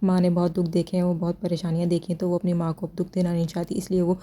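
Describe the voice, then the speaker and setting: Flat, dark-voiced woman recapping a drama. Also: on the low side. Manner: steady retelling of scenes with critical asides. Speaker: drama reviewer. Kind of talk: drama episode recap and review.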